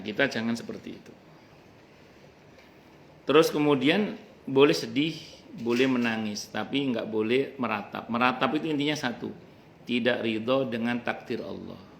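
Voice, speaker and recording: A man's voice: mid-range voice, gravelly, a bit bright, a little hiss or hum. A male religious teacher giving a casual, joking study talk at a home gathering, sometimes reciting Arabic verses. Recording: roomy home recording with faint ambience.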